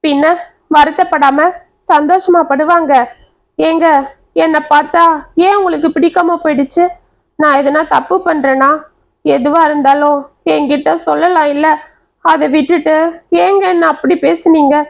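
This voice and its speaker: Hurt young wife, high, sob-choked pleading; woman reader doing the role. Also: steady tone, measured pace, creaky, pauses often.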